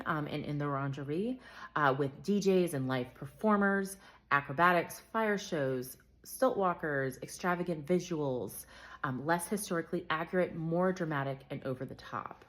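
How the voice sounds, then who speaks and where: A woman's voice: low voice, fairly bright tone. A woman vlogger explaining and comparing two events in a conversational way, with frequent fillers and self-corrections. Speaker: travel vlogger. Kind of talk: casual explainer talk.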